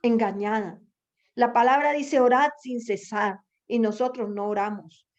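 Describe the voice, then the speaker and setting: A woman's voice: a little high, measured pace. A woman preaching a sermon, exhorting her listeners with rhetorical questions and repeated phrases. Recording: dull lo-fi recording.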